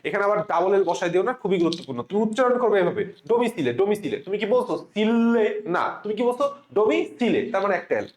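A man's voice: sits high, animated, racing, few pauses. A man teaching spelling for exam prep, spelling words letter by letter and having students repeat after him. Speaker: spelling tutor for medical admission students. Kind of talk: classroom-style exam lesson. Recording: echoey room.

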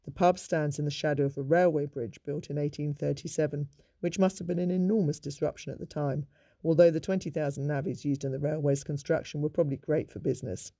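A man giving a measured, informative narration of local history in a scripted documentary style. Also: on the high side, fairly even intonation, mellow.

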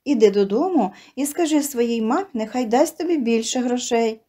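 A woman voicing a kind, gentle middle-aged flower seller who speaks soothingly in an audio story. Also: on the high side, lively intonation, a little fast.

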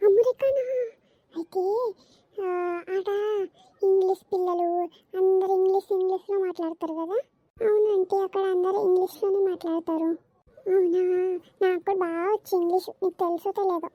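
A woman's voice: very high voice, steady tone, brisk, long pauses, no room sound, muffled recording. A woman voicing a grumpy, suspicious old mother-in-law in a cartoon, who scolds, complains and nags. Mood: boastful.

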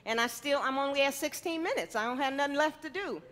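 A middle-aged female chef runs a live cooking demo for an audience, playfully teasing the crowd through a headset mic on a stage in a large indoor hall. Her voice is high, expressive, and a bit bright, and she talks fast. The recording carries a big hall's long reverb plus a little hiss or hum.

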